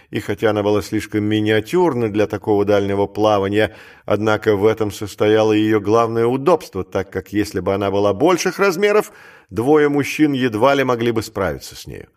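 A man reading a story aloud as an audiobook narrator, in an even, measured way. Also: mid-range voice. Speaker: audiobook reader. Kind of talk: scripted narration.

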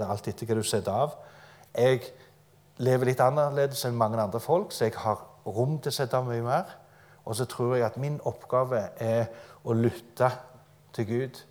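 A man preaches in an easygoing, folksy way to a congregation gathered in front of him. His voice sits at an ordinary middle pitch. He mixes homely personal stories with gentle humor, and it sounds like everyday talk rather than a formal address. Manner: conversational and folksy, with light humor. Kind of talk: informal live sermon. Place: church gathering before a live audience.

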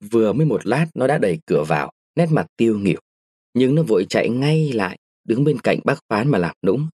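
A male narrator reading a short story aloud in an expressive storytelling manner. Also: medium pitch, brisk, breathy edge, no room sound, studio quality. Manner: expressive storytelling, shifting into character voices. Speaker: audiobook narrator.

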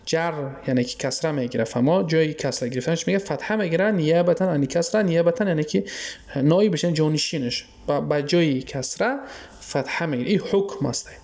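A man's voice: on the high side, darkish tone. A man with a Tajik accent teaching a grammar lesson. He hesitates often with filler sounds and keeps checking whether his students follow. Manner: keeps checking understanding with quick questions. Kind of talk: classroom lesson explanation.

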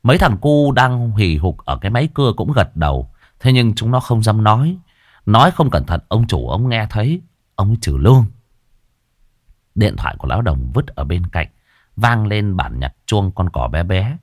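Lively, low-voiced male storyteller. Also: normal speed, no echo, clean studio sound. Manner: lively, expressive telling. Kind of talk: story narration.

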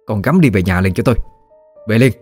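A male storyteller voicing a shrill, accusing village mother-in-law in an audiobook story. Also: animated, a little fast, darkish tone, faint music behind. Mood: scolding. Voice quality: shrill, wailing. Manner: accusing, theatrical outbursts.

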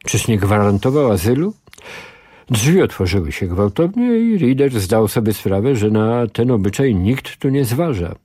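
A man reading a novel aloud on the radio, with lively, expressive storytelling. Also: medium pitch, moderate pace, breathy edge, dry recording, studio quality. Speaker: radio reader. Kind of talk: dramatic audiobook reading on radio.

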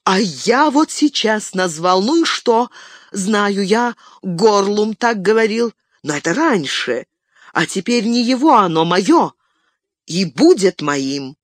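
A fretful old male hobbit, voiced by an audiobook reader, stammering and clutching at what he owns, his voice going thin and shrill. The reading is slow and unhurried. It sounds dry and close, with no room around it. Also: big pitch swings, no room sound. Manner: stammering, turns shrill and grasping.

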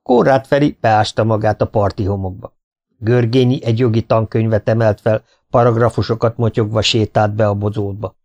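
A man reading a first-person humorous memoir as an audiobook, lively and expressive. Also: lowish voice, highs cut off. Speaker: audiobook reader. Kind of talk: scripted first-person narration.

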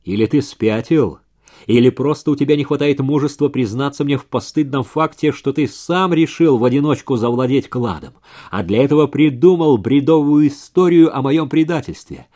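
A man voicing an accused flat owner who answers calmly, without raising his voice, in a story reading. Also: medium pitch, moderate pace, natural voice. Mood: calm defiant. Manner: calm, level, not raising his voice.

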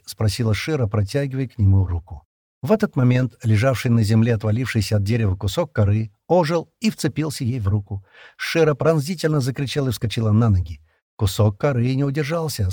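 A man narrating an audiobook chapter in a measured storytelling manner. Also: medium pitch, dark tone, no room sound, clean studio sound. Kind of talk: scripted narration.

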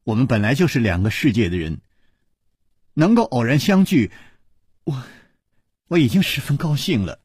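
A man's voice: mid-range voice, very animated, normal speed, pauses often, a little mellow, breathy edge, dry recording, studio quality. A man voicing a coquettish, emotional young princess with a coy, pleading manner. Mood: hurt.

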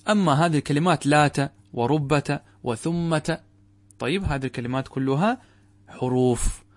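A fairly high-pitched man leads a classical Arabic grammar lesson in the manner of a sheikh. He asks questions only to answer them himself, keeps repeating key words, and slows his pace when intoning quoted verses.

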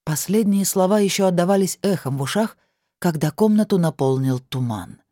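A woman narrates a fantasy audiobook with a low, dark, mellow voice. Her delivery is steady and even, recorded dry and close with no room sound. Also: moderate pace, dry recording.

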